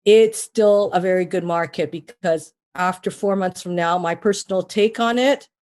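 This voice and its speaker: A mortgage broker from Trinidad gives an interview in a fairly low, slightly mellow voice at normal speed. She talks casually and rambles, restarting often and using lots of fillers.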